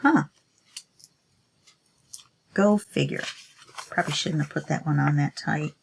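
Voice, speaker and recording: A woman runs a casual craft tutorial for her crafting channel, chatting to herself as she works despite a stuffy, sniffly nose. She speaks in a low voice with vocal fry at a measured pace, over slight background noise.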